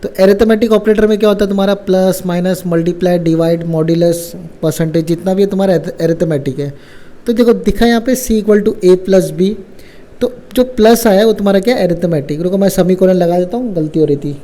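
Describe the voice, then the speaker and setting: A man's voice: high voice, brisk, dark tone. Chatty man teaching coding basics. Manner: conversational, keeps quizzing with rhetorical questions. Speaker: programming teacher. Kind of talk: casual coding tutorial.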